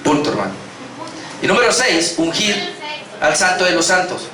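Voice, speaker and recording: A man's voice: sits high, big pitch swings, moderate pace, background noise. A man with a Colombian accent preaching a sermon as pastor, emphatic and repeating key words, calling his listeners brothers. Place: church hall. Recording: echoey church hall, mic from a distance.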